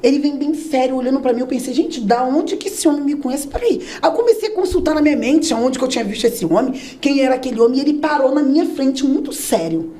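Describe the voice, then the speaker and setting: High-voiced woman giving a lively testimony. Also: fast, hardly any pauses. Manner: animated, acts out quoted voices and prayers. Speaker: testimony speaker. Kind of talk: church testimony storytelling.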